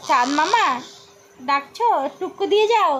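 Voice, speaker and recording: A woman with a West Bengal Bengali accent, coaxing a small child at home in drawn-out, sing-song baby talk. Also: extremely high pitch, expressive, fairly bright tone, a little hiss or hum. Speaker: village vlogger. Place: home indoors during heavy rain.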